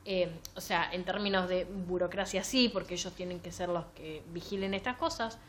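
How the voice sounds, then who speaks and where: Her voice sits on the low side and moves at a moderate pace, with a little hiss or hum in the recording. She's a Rioplatense Spanish-accented podcast co-host in a casual book-review chat, sarcastic and animated, mockingly reading passages aloud.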